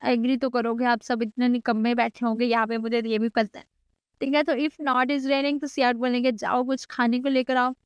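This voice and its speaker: High, clear-voiced woman teaching code. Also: level tone, normal speed, no room sound, muffled recording. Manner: chatty, teasing asides to students; mixes English code terms into Hindi. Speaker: coding teacher. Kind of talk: casual screen-recorded coding lecture.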